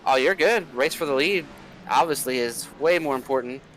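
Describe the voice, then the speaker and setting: A man giving relaxed, chatty color commentary on an online racing broadcast, often using filler words. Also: medium pitch, moderate pace, a little hiss or hum, poor audio.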